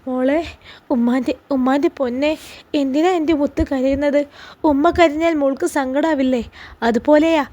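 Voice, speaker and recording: A tender young mother from a storybook, soft and coaxing, as a woman narrator puts her on. Her high voice stays gentle and close. She speaks with a Malappuram Malayalam accent. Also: fairly even intonation, moderate pace, lightly acted.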